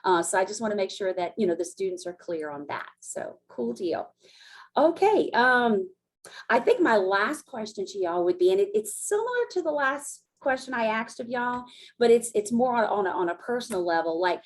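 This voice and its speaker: A study abroad coordinator from Acadiana, Louisiana, hosts a recorded information session. She speaks casually at a moderate pace in a mid-range, sing-song voice, full of fillers and restarts.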